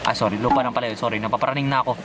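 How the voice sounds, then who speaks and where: A young man doing game commentary, yelling and swearing excitedly at whatever he runs into. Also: medium pitch, very fast, very noisy. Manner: excitable, yells and swears at mobs. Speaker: gamer.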